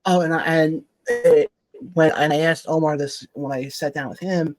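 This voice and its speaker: A man's voice: a little high, wildly swooping pitch, moderate pace, gravelly, no room sound, poor audio. A man hosting a podcast interview, asking stumbling follow-up questions. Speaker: podcast host.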